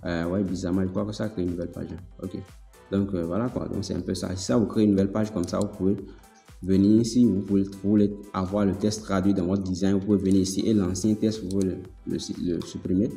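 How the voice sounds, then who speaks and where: A man hosting a casual software tutorial, talking it through step by step, repeating himself and checking in with his listeners. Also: low-pitched, flat delivery, fast, gravelly. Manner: chatty, filler-heavy explaining. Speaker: tutorial host. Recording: echoey room, long reverb, faint music.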